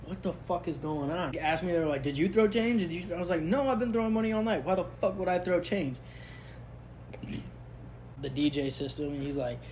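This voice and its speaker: A man's voice: fairly high pitch, darkish tone, a little hiss or hum, rough recording. Profane man recounting a night out. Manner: loose, profane storytelling with acted-out quotes. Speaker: podcast co-host. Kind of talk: casual chat.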